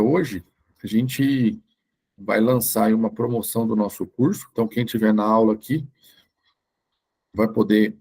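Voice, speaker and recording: A hoarse man with a Brazilian Portuguese accent, a doctor giving a live online lecture in an informal way that keeps checking in with his listeners. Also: medium pitch, darkish tone. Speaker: doctor teaching a course.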